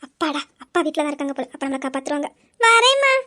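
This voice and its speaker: Comic skit: a woman as a cheeky, whiny teen daughter, high pitched. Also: fast talker. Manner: whiny, cheeky, talks back. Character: cheeky, lazy, sulky girl who oversleeps. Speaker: lazy teenage daughter in a family skit. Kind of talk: comic family skit acting.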